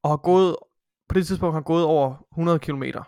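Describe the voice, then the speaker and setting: A man's voice: a little high, warm tone, clean tone, no room sound, studio quality. A man co-hosting a casual podcast, telling a story in a matter-of-fact way. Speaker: podcast co-host. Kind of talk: casual chat.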